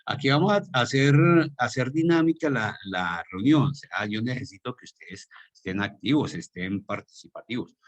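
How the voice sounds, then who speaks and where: A man's voice: medium pitch, expressive, normal speed. A man with a Colombian Spanish accent teaching a class over a video call. He explains each idea step by step and keeps putting questions to his students. His voice sits in a middle register. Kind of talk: online class lecture.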